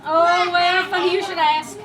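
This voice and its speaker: A woman's voice: very high voice, steady tone, a little slow. A woman playing a laid-back, scatterbrained surfer dude who drawls slang like "man" and "crazy" in a live church skit. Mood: goofy. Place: large hall with an audience. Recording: distant live recording with crowd and noise.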